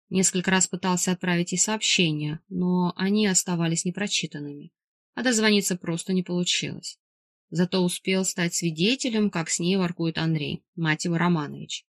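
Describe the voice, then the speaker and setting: A woman narrating a novel in the first person with steady storytelling. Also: lowish voice, no echo, clean studio sound. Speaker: audiobook narrator.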